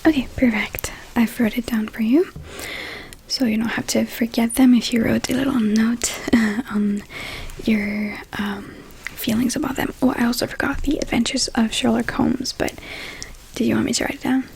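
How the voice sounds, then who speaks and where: A woman in a whispered ASMR role-play as a librarian, whispering softly and a little hesitantly as if to a visitor in a library. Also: on the high side, steady tone, moderate pace, vocal fry, husky. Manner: soft whispering, hesitant, gently attentive to an imagined visitor.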